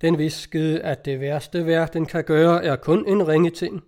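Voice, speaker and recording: Warm-voiced man reading a novel aloud. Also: fairly high pitch. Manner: measured, even storytelling delivery. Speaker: audiobook reader. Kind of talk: scripted narration of a novel.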